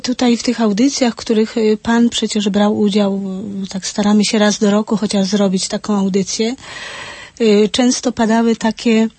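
A woman's voice: mid-range voice, steady tone, moderate pace, darkish tone, breathy edge, dry recording. A woman hosting a radio studio conversation who hesitates often, with many filler sounds. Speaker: radio host.

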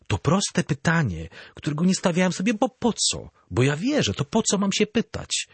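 Husky, animated priest teaching faith. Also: male voice, fairly high pitch, moderate pace, dry recording. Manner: animated storyteller; addresses listeners directly. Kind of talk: catechism talk.

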